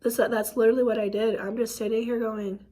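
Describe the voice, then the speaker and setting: A woman with a hoarse, worn voice speaks in a fairly high register, though her pitch stays flat and level. She tells a painful personal story haltingly, with many pauses and fillers. Her comes through plainly. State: hoarse from illness. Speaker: vlogger.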